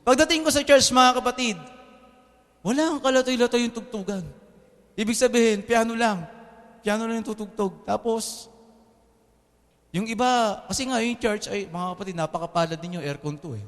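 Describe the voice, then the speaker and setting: Young Filipino pastor, male, preaches in a high, bright voice, trading jokes and "Amen?" with his flock; recorded in a reverberant church hall. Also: moderate pace, long pauses. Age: young adult. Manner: lively, joking, often asks the congregation "Amen?". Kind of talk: sermon. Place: church hall with air conditioning.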